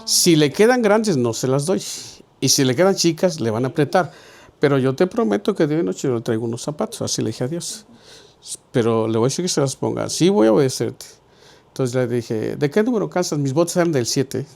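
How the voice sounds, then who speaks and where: A man's voice: mid-range voice, lively intonation, fairly quick, gravelly, a little mellow. A middle-aged man, a pastor leading a Bible study, telling stories and acting out the dialogue conversationally. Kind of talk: Bible study sermon with storytelling.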